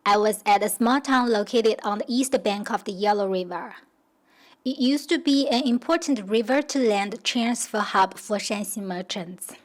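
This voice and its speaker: A woman from China narrating a travel vlog, explaining history and pronunciation in a steady teaching manner. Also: mid-range voice, moderate pace, poor audio. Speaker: travel vlogger. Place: outdoors in a riverside town.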